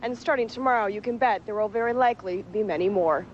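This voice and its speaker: An American woman works as a television news reporter, delivering live reports and scripted narration at a middle pitch. There is some faint noise behind her broadcast audio. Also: fast, highs cut off.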